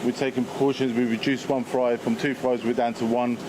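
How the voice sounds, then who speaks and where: Flat-voiced male shop owner with traffic behind. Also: mid-range voice, fairly quick. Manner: plain, matter-of-fact, hesitant. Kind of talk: news interview. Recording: noisy outdoor recording with traffic.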